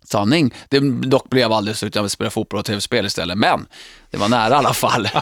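A man's voice: lowish voice, fairly bright tone, dry recording. Enthusiastic guy chatting about rock songs, laughs a lot, dry close sound. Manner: enthusiastic, laughs while telling stories. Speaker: podcast co-host. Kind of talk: casual chat.

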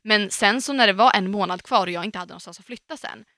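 A woman from Umeå, co-hosting a podcast in casual chat, telling stories lively and acting out quotes. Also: medium pitch, dry recording, clean studio sound. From Umeå, Sweden. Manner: lively storytelling, acts out quotes, swears casually.

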